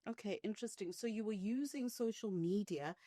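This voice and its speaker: A woman's voice: medium pitch, fairly quick, no echo, clean studio sound. A woman hosting a business podcast, affirming her co-host and guest often and asking questions. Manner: warm affirming, frequent "mm" and "I love that". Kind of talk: interview hosting.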